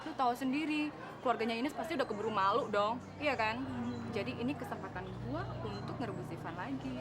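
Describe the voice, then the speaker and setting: A woman's voice: fairly high pitch, fast, lightly acted. An actress playing a spiteful, scheming young woman who talks in smug, casual slang in a TV drama. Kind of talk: TV drama acting. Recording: TV drama with loud music behind.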